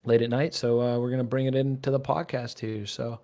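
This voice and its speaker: A man's voice: medium pitch, level tone, fairly quick, warm tone. A man hosting a casual podcast, upbeat and teasing. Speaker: podcast host. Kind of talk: casual chat.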